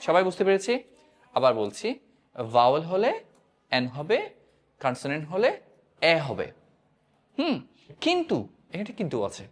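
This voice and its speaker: A man's voice: fairly high pitch, wildly swooping pitch, normal speed, pauses often. A man teaching an English grammar lesson, repeatedly asking his students questions and drilling the answers. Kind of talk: classroom-style grammar lesson.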